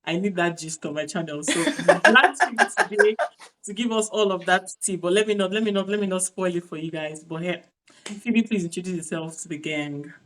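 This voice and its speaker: A woman's voice: fairly low pitch, a little fast, background noise. Woman, host, chatty, upbeat, casual interview. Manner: chatty, upbeat, many fillers. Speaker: podcast host.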